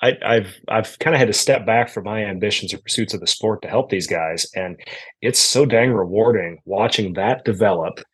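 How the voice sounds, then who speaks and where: A man who coaches aerobatic pilots, chatting casually on a podcast and telling lively stories about his team. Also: fairly low pitch, moderate pace, slightly rough, low-quality recording. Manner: animated storytelling.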